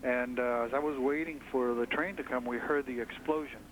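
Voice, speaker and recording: A man interviewed on the street as an eyewitness, shaky and halting, with many restarts. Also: medium pitch, steady tone, slight background noise, low-quality recording.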